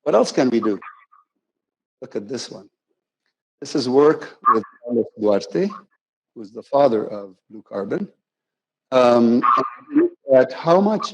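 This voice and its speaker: A man gives a keynote talk at a conference, relaxed and good-humored, restarting phrases as he goes. His voice is mellow and warm, sitting at an ordinary middle pitch. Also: breathy edge, poor audio. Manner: conversational and playful, with self-corrections. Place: conference hall.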